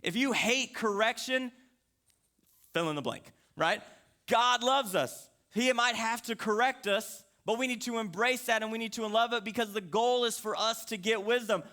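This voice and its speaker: A man's voice: very high voice, normal speed, bright, forceful tone. A man preaching a sermon in a conversational, joking, storytelling way. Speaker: pastor.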